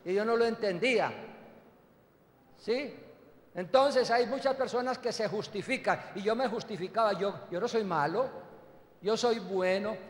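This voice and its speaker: Older pastor, high-pitched man, emphatic testimony preaching, roomy reverberant church. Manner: emphatic storytelling, calls listeners "hermano". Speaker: apostle and pastor. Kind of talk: testimony sermon. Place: church hall. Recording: echoey church hall with long reverb.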